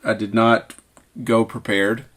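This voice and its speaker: A man in his late twenties with a Southern American accent co-hosts a casual podcast from his man cave at home, and he also works as a teacher. His lowish voice is level, fairly bright and slow-paced, and he comes across as easygoing and self-deprecating in this relaxed chat.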